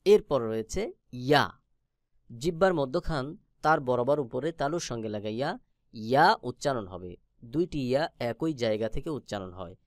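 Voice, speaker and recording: A man teaching Quran recitation, explaining where each Arabic letter is formed and sounding it out slowly several times. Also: medium pitch, lively intonation, no echo, clean studio sound. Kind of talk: slow instructional explanation.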